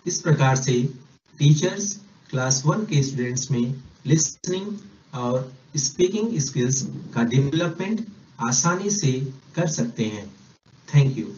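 A man explaining teaching methods in a slow instructional narration. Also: fairly high pitch, lively intonation, darkish tone, recorded from a distance, a little hiss or hum. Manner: slow, plain explanatory delivery. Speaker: teacher trainer. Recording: roomy, dull lo-fi recording.

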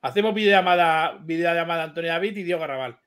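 A man with a high, bright voice who rattles on at a rapid clip. He talks over the others and swears his way through a rowdy livestream chat. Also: smooth. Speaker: livestream guest. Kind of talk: heated casual livestream chat.

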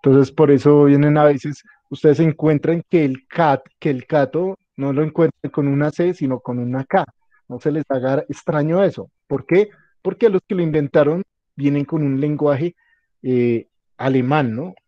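A man's voice: fairly high pitch, moderate pace, no echo, lo-fi sound. A male teacher giving an informal class, who repeats his points, jokes around and keeps asking the students whether they follow. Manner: keeps checking in with the class, jokey and repetitive.

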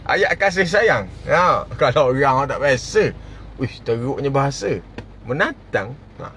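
A man's voice: mid-range voice, lively intonation, measured pace, fairly bright tone, a little hiss or hum. A man hosting a casual live stream, greeting viewers by name and chuckling often.

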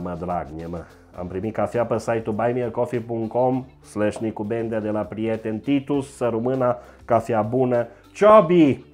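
A man doing a mocking satirical comedy monologue, jumping into high mock voices. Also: a little mellow.

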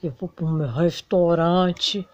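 A woman's voice: lowish voice, fairly even intonation, takes it slowly, a little mellow, dry recording, highs cut off, pitched below the performer's own voice. A woman voicing a man, a busy restaurant chef who brushes off his wife, in a doll soap opera. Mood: instructing. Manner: curt, dismissive. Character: busy male restaurant chef, husband, curt.

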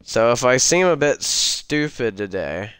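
A man's voice: medium pitch, sing-song, a little slow, a bit bright, clean tone. A man streaming casual gameplay chat, sounding sick and drowsy, as if gargling, with blunt banter. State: drowsy from pain medication. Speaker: game streamer.

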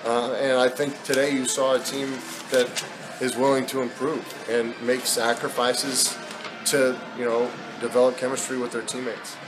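A man's voice: medium pitch, little pitch movement, moderate pace. Man in his thirties, basketball coach, postgame interview, candid and rambling, noisy room ambience. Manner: candid, conversational, many fillers and restarts. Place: indoor press backdrop at an arena.

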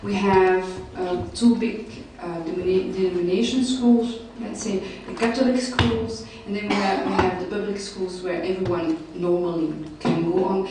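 A young Belgian researcher presents her work at a summer school conference, seated at a panel table in a large lecture hall, with many fillers and restarts. Her medium-pitched voice is fairly even, at a moderate pace with hardly any pauses. A far camera picks her up from a table mic, so she sounds distant in the very echoey hall, with background noise.

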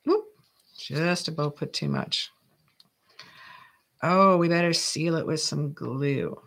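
A Canadian crafting-channel host narrates casually while working, joking around and frequently talking to themselves. The voice is medium-pitched, slow, gravelly, and a bit bright.

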